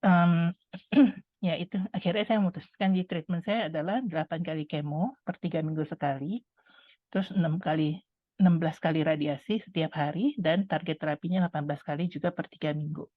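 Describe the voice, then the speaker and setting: Middle-aged woman, low voice, chatty testimony talk, heard over a tinny video call line. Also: fairly even intonation, brisk, no echo. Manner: chatty and conversational, addresses listeners as friends. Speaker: speaker sharing a testimony. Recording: tinny phone-like line, dry sound.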